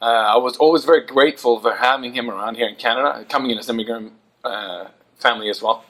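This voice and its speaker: A man's voice: medium pitch, fast, a bit bright, poor audio. A man giving a brief, slightly hesitant memorial toast. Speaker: memorial speaker.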